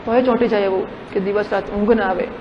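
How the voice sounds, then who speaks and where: A woman's voice: medium pitch, fairly even intonation, fast talker. A woman spiritual teacher giving a scripture discourse, posing rhetorical questions and mixing in English words. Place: large hall at a camp. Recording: dull recording in a reverberant hall with faint noise.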